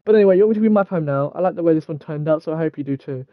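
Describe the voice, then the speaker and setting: A young man with a slightly high voice hosts a casual let's-play. He reads game text aloud and trips over words now and then. The sound is close and dry, a little dull and lo-fi. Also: rapid-fire, no echo. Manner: stumbles over words when reading aloud. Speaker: gaming video host.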